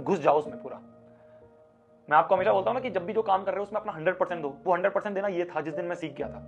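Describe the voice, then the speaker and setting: A young man teaching online, telling a school story to motivate his students and acting out scenes in a fiery speech voice. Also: high-pitched. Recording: slightly dull audio with soft background music.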